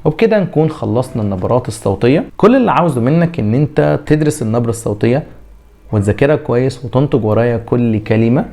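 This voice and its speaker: A man with an Egyptian Arabic accent teaching a French pronunciation lesson, drawing out example words slowly and answering his own questions. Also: mid-range voice, animated, mellow. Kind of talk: classroom lesson.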